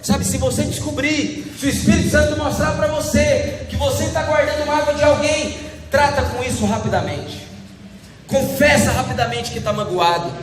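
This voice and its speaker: High-voiced preaching man in echoey hall. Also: a little hiss or hum. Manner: preaching with acted-out quotes, calls to the congregation. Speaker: pastor. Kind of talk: sermon. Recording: echoey hall with faint ambience.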